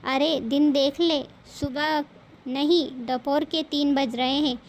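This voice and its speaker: A woman voicing a sharp-tongued older mother-in-law who scolds and complains. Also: sits high, fairly even intonation, unhurried, slight background noise. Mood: exasperated. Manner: nagging, exasperated complaining.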